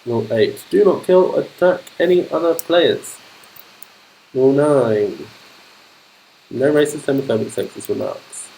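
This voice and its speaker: A man with a polished London accent, not Cockney, narrates a gameplay livestream as an English teacher. His voice is mellow and warm. He speaks slowly and clearly for learners and keeps up an upbeat, encouraging patter. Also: mid-range voice, a little hiss or hum, low-quality recording. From London, England. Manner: upbeat, keeps saying fantastic. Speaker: English teacher streaming a game.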